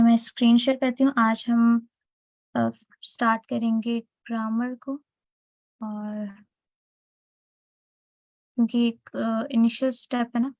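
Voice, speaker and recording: Higher-voiced woman teaching an online class. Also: darkish tone, dry recording, dull audio. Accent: Pakistani. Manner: explains step by step, checks in with students often.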